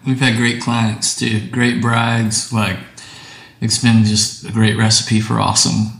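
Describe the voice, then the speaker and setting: A man's voice: fairly low pitch, flat delivery, a little slow, vocal fry, fairly bright tone. A man chatting casually and upbeat as a podcast co-host, his voice echoing around a big empty room. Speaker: wedding and portrait photographer. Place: empty home office.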